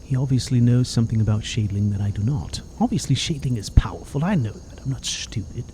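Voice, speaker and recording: A man's voice: mid-range voice, animated, fast, dark tone, close to an everyday voice. Man acting a dry, curmudgeonly adventurer, faint noise. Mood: brooding, wary. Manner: dry, formal, terse. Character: guarded, curmudgeonly male adventurer who craves silence. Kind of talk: video game character dialogue.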